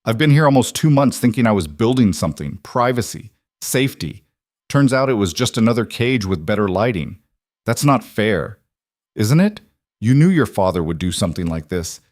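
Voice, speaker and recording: A man reading a young woman's lines in a story, speaking in a sharp, accusing way with a raised voice. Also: lowish voice, sing-song, moderate pace, dry recording, studio quality. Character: young woman, wary bride, hurt and angry.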